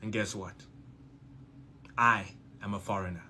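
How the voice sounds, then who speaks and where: South african guy ranting to camera, low forceful voice, faint room hum. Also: fairly even intonation, a little slow. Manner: indignant, emphatic, lecturing. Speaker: commentator. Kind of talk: opinion monologue.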